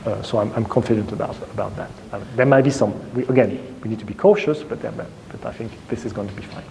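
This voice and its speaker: A man's voice: lowish voice, fast talker, creaky, mellow. A man answering audience questions after a conference keynote, hesitant, with many fillers and restarts. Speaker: keynote speaker. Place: large conference hall. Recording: reverberant hall, faint noise.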